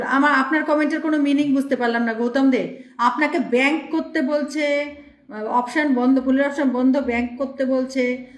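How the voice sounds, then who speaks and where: A woman's voice: sits high, echoey room. A woman hosting a live stream, reading out viewer names and thanking them one after another in speech.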